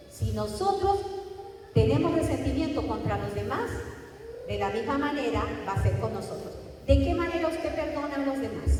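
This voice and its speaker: High-voiced woman preaching in echoey hall. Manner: emphatic, repeats key words. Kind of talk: sermon. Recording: echoey hall, distant mic, faint noise.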